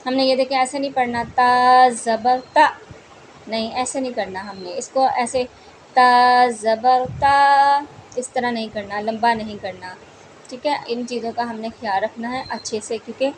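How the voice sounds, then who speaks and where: A woman teaching Quran reading, patiently drilling each syllable slowly and repeating the rules. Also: on the high side, fairly even intonation, darkish tone, slight background noise. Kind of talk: slow step-by-step recitation lesson.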